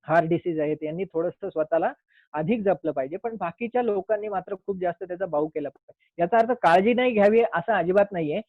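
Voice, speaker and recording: Speaking fast in a high register, a male doctor delivers an earnest health explanation, occasionally acting out quoted moments. The recording is dry but has a thin, phone-like quality.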